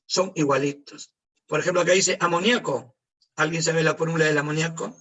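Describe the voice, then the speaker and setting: A man teaching a chemistry class over a video call, lively, asking questions and answering them himself. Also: fairly high pitch, fast, recorded from a distance, poor audio. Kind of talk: online class lecture. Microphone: computer mic on a video call.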